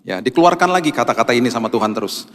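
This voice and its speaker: A male pastor delivers a sermon as a lively, conversational story. His voice sits at an ordinary pitch for a man. The long reverb of a large church hall rings behind him. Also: very fast.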